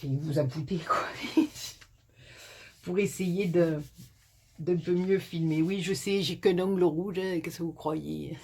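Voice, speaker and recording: Woman crafting host, unhurried, a little husky, rambling and self-joking, camera on a tripod at a small desk. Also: on the low side, steady tone, a little mellow. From southern France. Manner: rambling, self-mocking, many fillers. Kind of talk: chatty card-making tutorial. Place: small home desk workspace.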